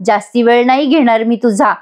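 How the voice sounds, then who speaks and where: A woman's voice: fairly high pitch, a little fast, natural voice. A woman voicing a fussing mother who dotes on her son-in-law and scolds her daughter. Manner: scolding, nagging, rustic turns of phrase.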